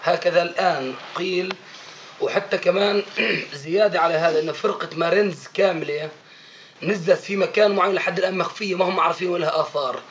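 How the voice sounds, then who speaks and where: A man's voice: sits high, fast, a bit bright. A man, a deferential student eagerly relaying news to his sheikh, on a dull lo-fi tape. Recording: dull lo-fi tape with faint hiss.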